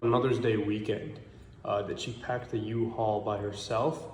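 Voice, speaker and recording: A man's voice: on the low side, level tone, normal speed, echoey room, a little hiss or hum. A man in his twenties giving a hesitant statement to camera, with many ums. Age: 20s.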